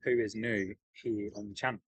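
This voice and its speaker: A man's voice: fairly low pitch, fairly even intonation, normal speed, fairly bright tone, husky, dry recording. A man with a broad New Zealand accent chatting casually as a livestream host, upbeat, matey and enthusiastic. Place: outdoors beside an airport.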